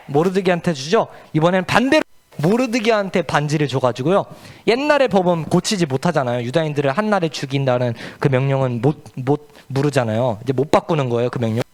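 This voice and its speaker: A man's voice: fairly high pitch, fast talker. A man telling a Bible story at a children's church service, quizzing the kids with questions. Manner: asks the children questions, lively and playful.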